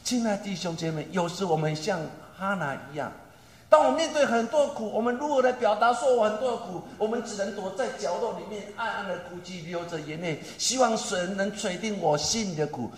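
Man, pastor, sermon, high voice, emphatic then hushed delivery, echoey church hall. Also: lively intonation, fairly quick. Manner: emphatic preaching with wide swings from loud to hushed. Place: church sanctuary.

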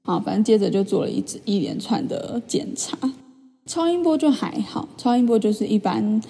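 A young woman chats through a story for her vlog, full of fillers and animated asides. Her voice is mellow and husky with a gravelly edge of fry. A long reverb trails after her words. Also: medium pitch, moderate pace. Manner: chatty, animated retelling with many fillers. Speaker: vlogger. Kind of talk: casual storytelling monologue.

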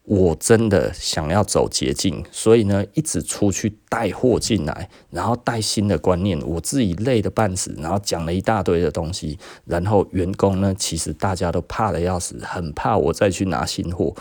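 A man's voice: low-pitched, normal speed, hardly any pauses, darkish tone, no room sound, clean studio sound. A man in his forties from Taiwan, with a Taiwanese Mandarin accent, hosting a podcast and telling a casual story about running his business. He chats, laughs often and acts out what people said. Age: 40s. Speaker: podcast host and business owner.

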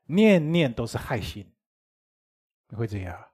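A man's voice: medium pitch, very animated, measured pace, a little mellow, husky. A man giving a dharma lecture as a Buddhist teacher, speaking conversationally, chuckling and asking his listeners rhetorical questions.

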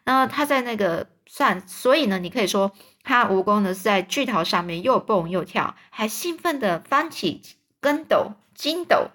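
A woman reads a children's storybook aloud in a gentle, plain voice. She often stops to explain words in simple terms for young listeners. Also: medium pitch, animated, moderate pace. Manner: gentle, with fillers and restarts. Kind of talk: reading a children's book aloud.

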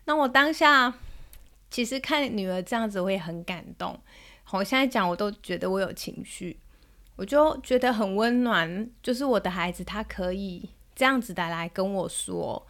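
A woman in her thirties with a Taiwanese Mandarin accent, hosting a parenting podcast and telling a story about her child in a gentle manner. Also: medium pitch, lively intonation, moderate pace. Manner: gentle, soothing when quoting herself to her child. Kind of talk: storytelling monologue.

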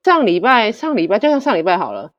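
A woman guest telling stories in casual chat, direct and animated, acting out the dialogue. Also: medium pitch, fast talker, long reverb tail, lo-fi sound.

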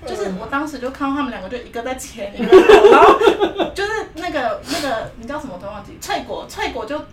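A woman, co-hosting a casual podcast, giggling often while telling a story. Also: sits high. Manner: giggly, animated, fast storyteller. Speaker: podcast co-host. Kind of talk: casual chat among friends. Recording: echoey room, distant mic, faint noise.

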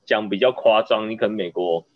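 A man from Taiwan hosts a relaxed podcast conversation, slipping into lively storytelling. His voice is a little husky and sits in a middle register, recorded with a dull, lo-fi sound. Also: lowish voice, brisk, no echo. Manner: storytelling, animated when recounting anecdotes. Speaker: podcast host. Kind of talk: casual interview chat.

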